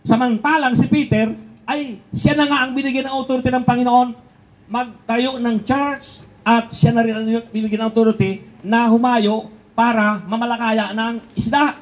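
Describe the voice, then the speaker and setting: A man's voice: very high voice, fairly even intonation, normal speed, rough recording. An older man preaching a sermon in a conversational way, asking rhetorical questions and chuckling between points.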